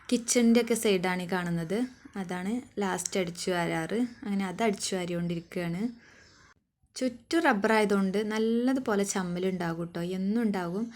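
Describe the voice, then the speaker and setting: A woman, narrating her home day as a vlogger in a homely, chatty voice-over. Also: medium pitch. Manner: homely, chatty, adds a soft "tto" to her sentences. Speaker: vlogger and mother.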